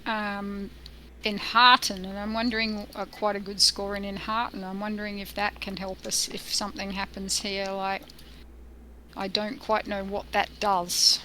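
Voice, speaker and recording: A woman's voice: mid-range voice, flat delivery, a little slow, sharp tone, slight background noise, poor audio. A woman chatting casually as a player in a tabletop role-playing game.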